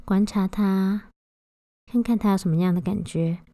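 A woman guiding a body-scan meditation, giving gentle, unhurried instructions with long pauses between phrases. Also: medium pitch, steady tone, dry recording, clean studio sound. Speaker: meditation guide.

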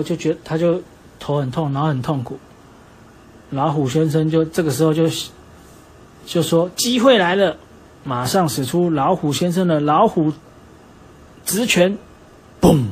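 A man with a Taiwanese Mandarin accent gently improvising a bedtime story for his child and patiently answering questions, recorded on a phone at home. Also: on the high side, a little hiss or hum. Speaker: father telling a bedtime story.

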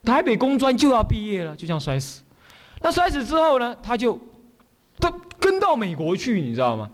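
A man's voice: very high-pitched, huge pitch swings, brisk. A man with a Taiwanese Mandarin accent, a Buddhist abbot telling stories in a sermon, acting out the characters and often asking the audience to agree. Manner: acts out characters' voices while telling stories. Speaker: Buddhist abbot giving a dharma talk. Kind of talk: storytelling sermon.

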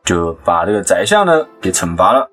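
This man's voice is low, and faint music sits behind it. Speaking with a Taiwanese Mandarin accent, he hosts a casual storytelling podcast, retelling a legend in a chatty, lively way full of quick asides and laughter.

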